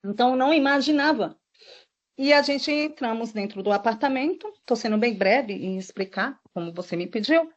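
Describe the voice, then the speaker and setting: Brief: woman, high voice, testifying, emotional rushed retelling, dull lo-fi audio. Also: lively intonation. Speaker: witness giving testimony. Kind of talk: recounting events in a formal statement. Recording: dull lo-fi recording.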